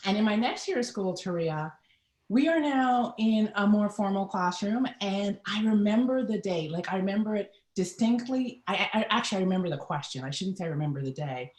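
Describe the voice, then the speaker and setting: A middle-aged woman with a Trinidadian lilt shares a childhood memory in an interview. She talks in an animated way and briefly acts out the voices of people in her story. Her voice has a roomy echo around it. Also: mid-range voice, brisk. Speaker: guest.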